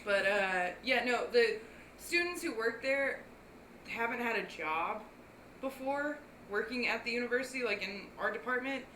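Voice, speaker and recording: A young woman in easy podcast conversation, blunt and loose with swear words, her speech full of "like". Her voice is fairly high and bright. The room echoes around her, with a faint hum of ambience. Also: animated, moderate pace. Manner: blunt, swears freely, peppered with "like". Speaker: podcast guest. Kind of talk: casual chat.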